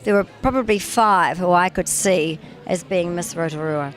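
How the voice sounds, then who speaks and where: A woman's voice: on the low side, moderate pace. A woman gives reflective interview answers as a pageant judge.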